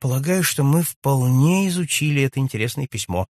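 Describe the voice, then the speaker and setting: A man reading aloud and voicing a keen male detective who speaks in a precise, deliberate way with a husky voice. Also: mid-range voice, expressive, a little mellow, dry recording, studio quality, pitched above the performer's own voice, lightly acted. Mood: measured. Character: keen, reasoning male detective, measured and exact.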